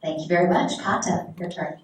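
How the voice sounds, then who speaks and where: A woman's voice: on the low side, fairly even intonation, a little fast. A woman emceeing a live panel event, upbeat and chatty. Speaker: master of ceremonies. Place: large event hall. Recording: echoey hall, distant mic, audible noise.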